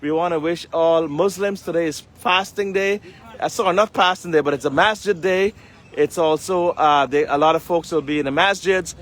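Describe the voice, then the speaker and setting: His voice sits on the high side with a fairly bright tone, at normal speed. This man is live-streaming as a community leader from a city street, earnestly addressing viewers in formal public-speaker style against street ambience and passing traffic.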